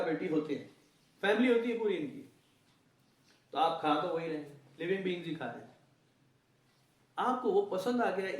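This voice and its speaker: Animated man giving a roomy Quran talk. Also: fairly high pitch. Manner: animated, mimics people's reactions, mixes English words. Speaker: Quran lecturer. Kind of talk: conversational Quran lesson. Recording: roomy, distant mic.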